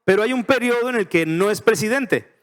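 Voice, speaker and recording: A middle-aged man with a Mexican Spanish accent leads a verse-by-verse Bible study. His voice sits high, and he talks in a chatty, joking way, often turning questions to his listeners. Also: animated, fairly quick, fairly bright tone. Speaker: pastor teaching a Bible study. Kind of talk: casual verse-by-verse Bible teaching.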